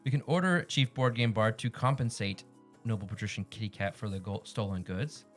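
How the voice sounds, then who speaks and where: A man's voice: fairly low pitch, brisk. A man hosting a game stream, chatting casually with players, with music behind him.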